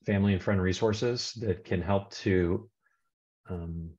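A man's voice: low-pitched, steady tone, unhurried, darkish tone. A man speaking on a video call, rambling with many fillers and restarts. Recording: dull lo-fi call audio.

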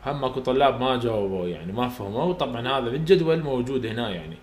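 A man's voice: mid-range voice, expressive, very fast, darkish tone, echoey room. A man with an Iraqi Arabic accent teaching English phonetics, explaining step by step and repeating sounds aloud for students to copy. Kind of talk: recorded lecture for students.

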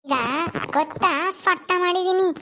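A woman voicing the vengeful ghost of a dead first wife, speaking low and threatening in a comic skit. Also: moderate pace, sharp tone, slight background noise.

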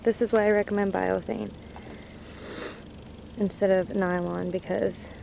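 A woman's voice: mid-range voice, a little slow, gravelly, slight background noise, rough recording. A young woman giving a casual, chatty walkthrough vlog, recorded outdoors at a campsite on a handheld camera. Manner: relaxed, chatty. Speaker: dog owner vlogger.

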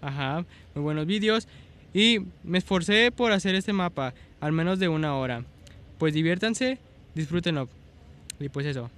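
Young male game host, high and bright tone, rambling casual commentary. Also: animated, moderate pace. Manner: chatty, fumbles for words. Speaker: gaming channel host.

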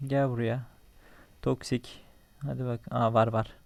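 A man's voice: medium pitch, level tone, measured pace, vocal fry, a little mellow. A young man giving casual running commentary while playing a survival game, talking to himself, joking and cursing at enemies. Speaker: gaming channel host.

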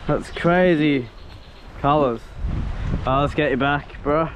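An excitable man giving running fishing commentary from a boat, exclaiming often. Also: on the high side, slow, dull audio. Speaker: fishing vlogger. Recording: wind and boat noise.

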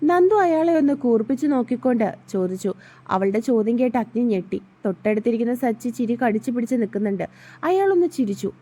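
A woman reading a family drama aloud as a storybook narrator, shifting her voice for the dialogue. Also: on the high side. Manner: reads all parts herself, lively shifts for dialogue.

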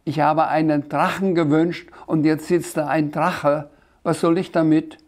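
A man voicing a cheeky, impatient, childlike creature in a storybook reading, loud and insistent. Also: a little high, measured pace.

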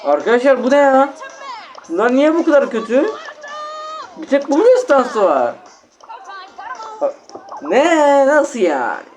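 Excitable young man commentating a game. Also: very high voice, unhurried, long pauses, dull audio, some chatter behind, slight background noise. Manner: excitable, exasperated, talks straight to viewers. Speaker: gaming channel host. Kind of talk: live gameplay commentary.

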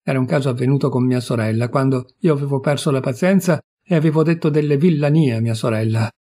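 A man's voice: mid-range voice, fast, dark tone. A man reading a classic story aloud as an audiobook, intense and dramatic, rising into fury in the angry passages. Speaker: audiobook reader.

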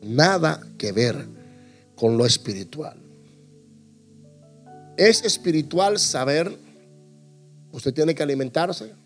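A man preaches to his congregation, his voice sitting a little high. He jokes and acts out small everyday scenes as he goes. Faint instrumental music plays softly beneath the sermon. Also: animated, slow pace, long pauses. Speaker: pastor.

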